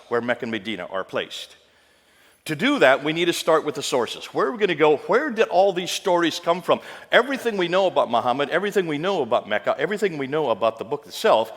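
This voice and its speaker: A man's voice: mid-range voice, fairly bright tone. Guy giving a public lecture, hammers and repeats his points, voice ringing around a big echoey hall. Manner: emphatic, punchy, repeats phrases for effect. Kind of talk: public lecture to a live audience. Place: large hall with an audience. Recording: long hall reverb.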